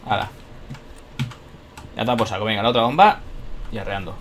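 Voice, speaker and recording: A young man from Spain with a Spanish accent, commenting on his own gameplay and talking to himself, excitable and swearing often. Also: lowish voice, brisk. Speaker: gaming YouTuber.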